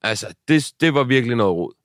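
A man's voice: medium pitch, animated, no echo, studio quality. A man in his thirties, a podcast co-host, telling a story in casual chat with many fillers and restarts.

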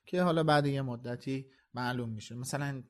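A man co-hosting a podcast, explaining things in a casual book discussion and laughing easily. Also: medium pitch. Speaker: podcast co-host.

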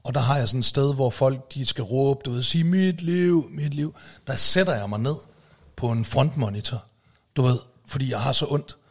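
Husky man chatting casually. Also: medium pitch, steady tone. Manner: frequent tag questions and fillers, swears casually. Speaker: podcast co-host, musician. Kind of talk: casual chat.

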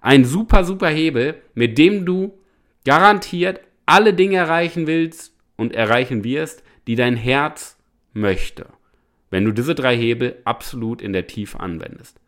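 A man's voice: medium pitch, lively intonation, unhurried. A man hosting a motivational podcast, speaking emphatically and often checking in with "ja?". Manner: emphatic, repeats "ja?" to the listener. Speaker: podcast host and motivational coach.

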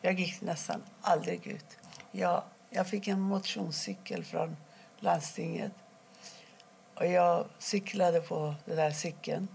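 A middle-aged woman from Iran, telling her own story in an interview, quietly and haltingly, with many pauses. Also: fairly low pitch, steady tone, vocal fry, a little hiss or hum. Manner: halting, quiet and emotional, pausing often. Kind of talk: personal testimony interview.

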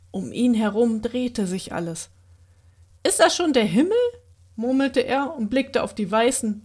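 Woman reading a bedtime story. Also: on the high side.

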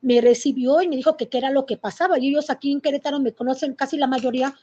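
A middle-aged woman speaks with a Mexican accent in a high, mellow voice. She tells her story haltingly and with feeling, full of fillers and restarts. The recording is muffled and lo-fi. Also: steady tone. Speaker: interviewee. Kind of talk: personal testimony.

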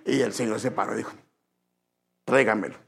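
Wildly swooping gravelly male preacher. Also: fairly high pitch, huge pitch swings, normal speed, faint music behind. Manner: emphatic, keeps addressing listeners as brother. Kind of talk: evangelical sermon.

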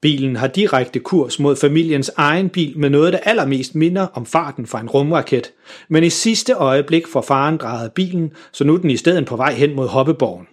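A man reading a children's story aloud in a lively, expressive way. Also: fairly high pitch.

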